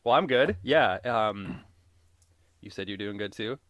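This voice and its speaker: A young man from Minnesota co-hosts a podcast, chatting casually, drifting into tangents and laughing often. His voice is on the low side, expressive and a bit bright at a measured pace, recorded dry.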